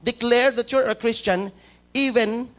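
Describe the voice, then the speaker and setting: A man's voice: very high-pitched, steady tone, measured pace, a bit bright. A Filipino man preaching a sermon in church, telling a story and asking the congregation questions. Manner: mixes Tagalog and English, storytelling, asks the crowd questions. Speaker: pastor.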